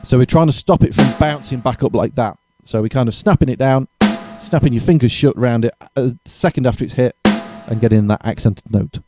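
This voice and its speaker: A man giving a casual drum lesson, chatty and relaxed, correcting himself and counting beats aloud, with drums played between his explanations. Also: mid-range voice, brisk, hardly any pauses, over loud music. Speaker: drum teacher. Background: drumming between explanations.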